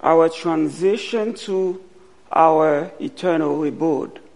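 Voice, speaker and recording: Slow, gravelly-voiced man from Haiti preaching. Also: a little high, darkish tone. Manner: slow and deliberate, pausing often. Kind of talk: sermon.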